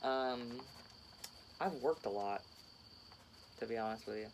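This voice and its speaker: Tired woman in her 30s rambling on casually, gravelly fry in her voice, faint hum behind. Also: extremely low pitch, a little slow, darkish tone. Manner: chatty, rambling storyteller. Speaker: teacher and podcast co-host. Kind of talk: casual chat.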